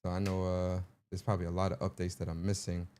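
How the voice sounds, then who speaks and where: A young man hosts a casual livestream and talks straight to his chat. He is playful and animated, loud and high when teasing, low and quiet in his asides. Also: quick pace, slight background noise. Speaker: livestream host.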